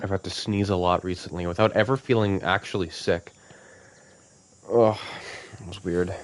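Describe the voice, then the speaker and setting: A man's voice: deep voice, fairly even intonation, normal speed. A man giving casual, rambling gameplay commentary as a let's play host, full of fillers and easy laughs.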